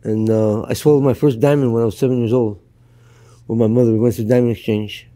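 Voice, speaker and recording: A man's voice: mid-range voice, fairly even intonation, fast, dark tone. An older man from Canada telling his life story in an interview, blunt and plain-spoken. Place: outdoors in Los Angeles.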